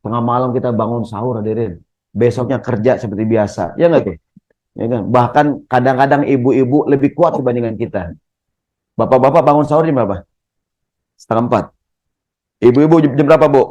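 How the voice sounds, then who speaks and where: A man's voice: mid-range voice, brisk, pauses often. A middle-aged man, giving a humorous Ramadan sermon in a mosque and keeping the audience involved with questions. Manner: lively, jokey, keeps asking the audience questions. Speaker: preacher.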